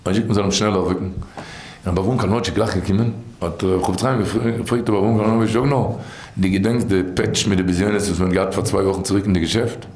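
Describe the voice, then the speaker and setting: A man telling a rabbinic tale in a rambling way, with many restarts and repeats, dropping low and then rising. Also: fairly even intonation, quick pace, darkish tone, a little hiss or hum. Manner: rambling, many restarts and repeats, swings between low murmurs and high bursts. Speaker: storyteller. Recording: roomy echo.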